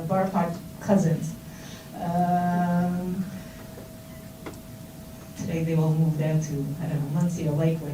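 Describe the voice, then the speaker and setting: Her voice is lowish and mellow as this middle-aged Israeli seminar speaker talks informally to students. Her English carries a Hebrew accent and is peppered with fillers and restarts, captured in a noisy, distant, roomy recording.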